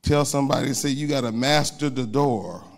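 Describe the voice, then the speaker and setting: A middle-aged man, a pastor, chats with the congregation in a church sanctuary as he preaches a conversational sermon with call-and-response asides, holding a handheld microphone. His voice is mid-range and his speed is normal.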